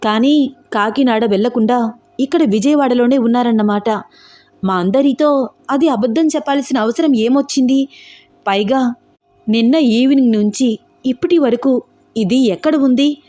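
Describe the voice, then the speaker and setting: A woman's voice: medium pitch, moderate pace, pauses often, dark tone, natural voice. A woman voicing an outspoken, protective young woman in a storybook romance, pressing her questions indignantly. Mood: agitated.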